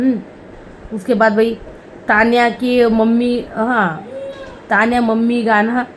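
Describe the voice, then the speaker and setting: A woman giving a casual, chatty recap of a reality show episode, peppered with fillers and quick quotes of the contestants. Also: on the high side, a little hiss or hum, rough recording. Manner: chatty, lots of "bhai" and "hmm" fillers.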